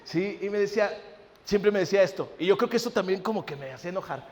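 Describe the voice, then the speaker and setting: A man's voice: high-pitched, expressive, fast talker, darkish tone, muffled recording. A male pastor, preaching a sermon, often checking in with listeners and acting out family conversations. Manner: acts out family dialogue in anecdotes. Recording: long hall reverb.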